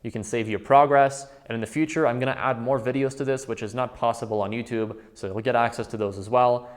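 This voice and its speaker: A young trading educator in his 20s from Quebec, Canada, whose first language is French, delivers a promotional pitch to camera. He's emphatic and persuasive, addressing the viewer directly in a steady tone at a quick pace.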